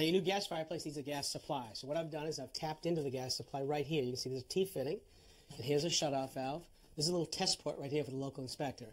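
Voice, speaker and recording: A middle-aged home improvement heating expert gives a plain-spoken, hands-on explanatory demonstration in a fairly high-pitched voice. Slight background noise is audible.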